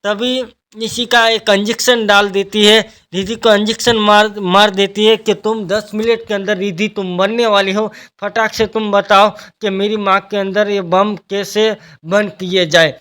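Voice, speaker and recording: High-voiced man rambling through a recap. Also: level tone, measured pace, fairly bright tone, smooth. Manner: rambling, strings events together with "then". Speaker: TV serial recap narrator. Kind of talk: casual spoken plot recap.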